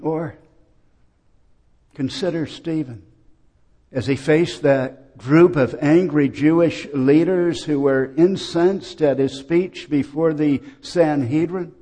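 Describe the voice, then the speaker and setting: A man preaching a sermon as a pastor, in a slow and measured way with dramatic pauses. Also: on the high side, mellow.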